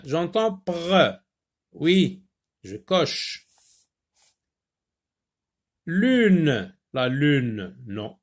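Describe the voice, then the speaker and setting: A man teaching a French phonics lesson to young children, drawing out and repeating sounds and words, with a North African French accent. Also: fairly high pitch. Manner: slow, drawn-out, repeating sounds and words for pupils.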